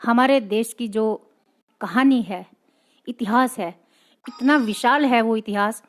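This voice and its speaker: A woman's voice: on the high side, slow. A woman poet hosting her own live reading, greeting viewers one by one and reading out their comments in a polite, respectful manner.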